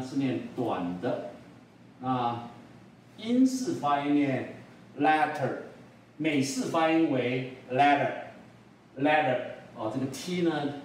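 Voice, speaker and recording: A man teaching an English pronunciation lesson, slow and deliberate, saying each word several times. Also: mid-range voice, a little mellow. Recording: echoey room, voice a little far from the mic, faint noise.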